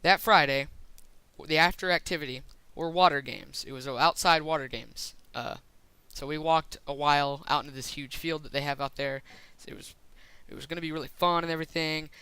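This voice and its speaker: Young man, casual storytelling vlogger, clear bright tone, dry recording. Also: a little high, fairly quick, no echo, low-quality recording. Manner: rambling, excitable, lots of fillers.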